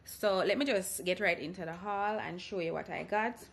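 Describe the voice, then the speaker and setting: A woman's voice: lowish voice, normal speed, gravelly. A young woman, chatting casually as she vlogs a grocery run, filmed on a handheld camera at arm's length. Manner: chatty, loose grammar, thinks aloud. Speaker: vlogger. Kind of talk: casual vlog narration while shopping. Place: supermarket aisles, later a home kitchen. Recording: loud store music behind the voice. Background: store music.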